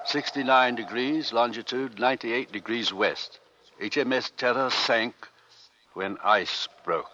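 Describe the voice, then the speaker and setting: A stoic sea captain who talks in slow, clipped, grim phrases, drawing each one out. The sound is dull and noisy, like an old radio broadcast. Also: male voice, medium pitch, sharp tone. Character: weary stoic male sea captain, fading into delirium. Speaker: ship's captain.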